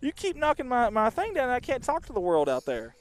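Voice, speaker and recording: A man doing chatty, rambling live softball commentary outdoors. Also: very high voice, wildly swooping pitch, a little fast. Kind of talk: casual live sports commentary. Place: outdoor softball field on a windy day.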